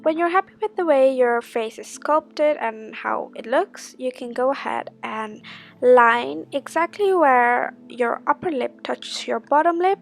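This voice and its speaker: A woman's voice: sits high, lively intonation, measured pace, vocal fry, soft background music. A woman giving a casual, chatty makeup tutorial, explaining step by step. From Sri Lanka.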